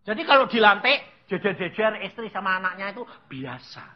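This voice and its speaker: Preacher in his 80s, funny animated storytelling, husky voice, muffled lo-fi audio. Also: sits high, a little fast. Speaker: evangelist preacher. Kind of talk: sermon. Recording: dull lo-fi sound.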